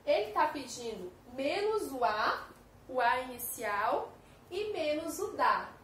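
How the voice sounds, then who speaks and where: A woman with a Brazilian Portuguese accent teaching a first-grade lesson, slowly sounding out syllables for young children. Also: sits high, very animated, a bit bright. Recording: echoey room with faint ambient noise.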